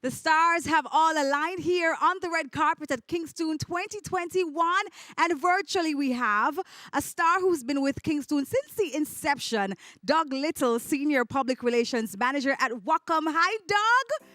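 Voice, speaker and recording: High-voiced woman gushing as red carpet host. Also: moderate pace, few pauses, fairly bright tone, no echo, clean studio sound. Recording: music behind the voice. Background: music.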